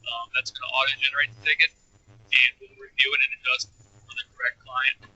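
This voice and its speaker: A man's voice: medium pitch, wildly swooping pitch, fairly quick, pushed and bright, husky, dry recording. A man giving a dispatch update at a staff meeting, his voice tinny as if inside a tin can, through headphones used as a microphone, listing his points casually with fillers. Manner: informal, points listed one by one with fillers. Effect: tinny sound as if inside a tin can. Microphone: headphones plugged into the microphone jack. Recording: tinny, dull lo-fi line.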